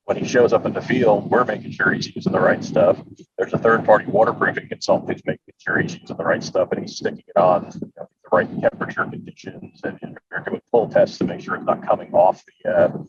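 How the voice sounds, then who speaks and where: A man's voice: deep voice, fast talker, husky. A man, a commercial builder, explaining things with wry asides while heard over a conference call line. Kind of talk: casual panel discussion. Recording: distant muffled noisy call audio.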